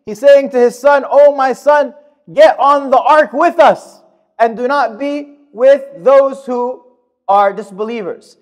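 A man in his thirties delivering a Friday sermon in a mosque, speaking at a podium microphone in a measured, emphatic way. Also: extremely high pitch. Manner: measured, emphatic delivery with fast recited Arabic verses. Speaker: khutbah speaker. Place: mosque prayer hall, indoors. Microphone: gooseneck podium mic.

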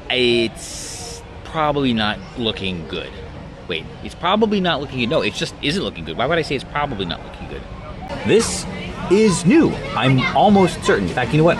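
A middle-aged man chatting casually to camera on a roller coaster outing at a theme park, musing aloud and correcting himself. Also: fairly low pitch. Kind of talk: casual vlog chat. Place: outdoors at a busy theme park. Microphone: handheld action camera at arm's length. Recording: loud music behind outdoor speech.

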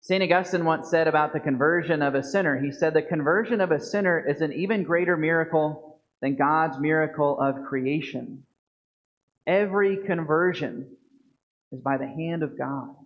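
A man in his thirties, a priest giving a homily at a church lectern into a fixed microphone, preaching earnestly with slow emphatic stresses. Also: a little high. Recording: dull lo-fi church video stream.

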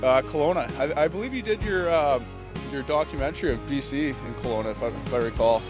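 A man's voice: medium pitch, fast, music in the background. A young man answering questions in a casual street interview outdoors, easygoing and laughing along, speaking into the host's handheld mic. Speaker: interview guest.

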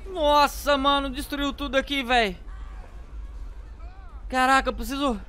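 A man giving frantic let's-play commentary, yelling commands at the game. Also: extremely high pitch, steady tone, moderate pace, clear, resonant tone. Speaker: gaming YouTuber.

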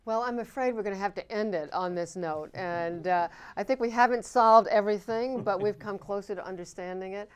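A woman's voice: mid-range voice, clear, resonant tone. A woman in her sixties moderating a panel discussion and wrapping it up with thanks. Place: lecture room with audience.

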